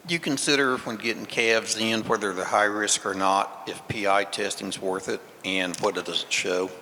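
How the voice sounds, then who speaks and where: A man's voice: on the low side, steady tone, normal speed, pushed and bright, long reverb tail, a little hiss or hum, poor audio. A man in the audience asking a veterinarian direct, plain questions about cattle.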